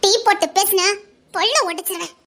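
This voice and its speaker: A woman's voice: very high voice, fairly even intonation, moderate pace, a bit bright. A woman voicing a bold young female college student in an audio drama, firing back at bullies and later crying for help. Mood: defiant. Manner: fierce retorts, then pleading and sobbing. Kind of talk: Tamil audio drama acting.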